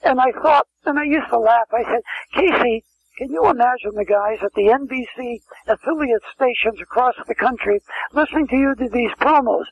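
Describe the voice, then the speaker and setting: Through muffled, lo-fi phone-quality sound, an older man with a very high voice tells rambling anecdotes at a moderate pace. As an interview guest in casual storytelling, he often starts over and wanders off into asides.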